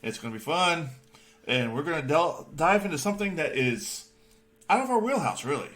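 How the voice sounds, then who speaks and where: A man co-hosting a comedy reaction show, goofy and joking, loud at times. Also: fairly high pitch, very animated, normal speed. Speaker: co-host. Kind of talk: comedic banter podcast.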